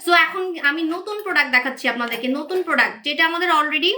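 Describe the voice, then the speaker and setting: A woman runs a live-stream sale from indoors. Her voice sits high and sounds bright and forceful. She hypes each product, repeats herself, and answers viewer comments as she talks. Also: lively intonation, racing. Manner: repetitive, hyped, keeps saying "okay". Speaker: online shop host selling beauty products. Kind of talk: live-stream sales pitch.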